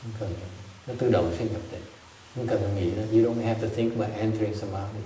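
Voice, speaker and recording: A man's voice: lowish voice, steady tone, brisk, warm tone. A man giving a dharma talk as a Buddhist meditation teacher, telling jokey anecdotes. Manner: joking, anecdotal storytelling. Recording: echoey hall, distant mic, faint hiss.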